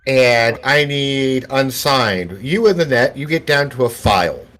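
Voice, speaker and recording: A man's voice: mid-range voice, takes it slowly, slight background noise. A man running a tabletop game as game master, narrating scenes and asking players for checks. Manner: relaxed, laughs often, stumbles and restarts while describing scenes.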